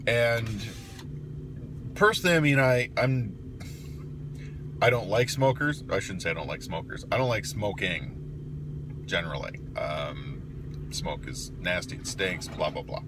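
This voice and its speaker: A man's voice: fairly low pitch, animated, measured pace, pauses often. A grumpy, blunt older man giving a casual, sweary opinion rant, recorded inside a car. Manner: sweary, colloquial. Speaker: vlogger. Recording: loud car and outdoor road noise. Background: vehicle and street noise.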